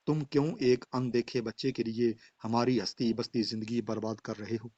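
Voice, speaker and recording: A man's voice: mid-range voice, fairly even intonation, dark tone, no room sound, close to an everyday voice. A man voicing a vain, proud wife who talks in plaintive, defensive questions. He reads her in a dull, dry lo-fi recording.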